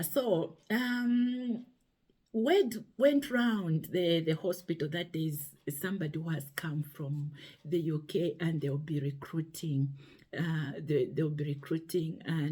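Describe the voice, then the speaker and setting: A woman's voice: low voice, fairly even intonation, takes it slowly, warm tone, husky. A middle-aged woman from Zambia, a nurse, telling a personal story in a chatty, hesitant way with many fillers. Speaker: nurse sharing her story. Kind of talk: casual storytelling vlog.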